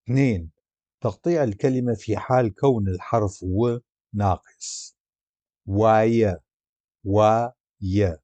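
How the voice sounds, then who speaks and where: A man reads a grammar lesson aloud at an unhurried pace, listing letters and example words one at a time and drawing out each sound. His voice is mellow and dark, recorded dry and close with no room around it. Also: on the low side, no room sound. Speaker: language teacher.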